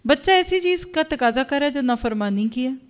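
A woman's voice: high voice, lively intonation, brisk. A woman from Pakistan, giving an earnest religious lesson to a class of women and questioning them directly. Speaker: religious teacher.

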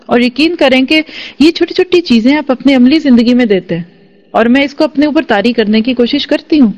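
A woman's voice: sits high, darkish tone. A woman teaching a religious lesson to a class, earnest and persuasive, making her points through everyday family examples. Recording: slightly dull lo-fi recording.

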